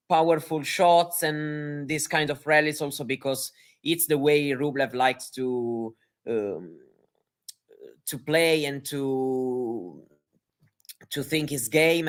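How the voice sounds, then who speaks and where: A man's voice: medium pitch, fairly bright tone. A man from southern Italy with an Italian accent, co-commentating tennis hesitantly with many fillers. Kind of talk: live commentary chat.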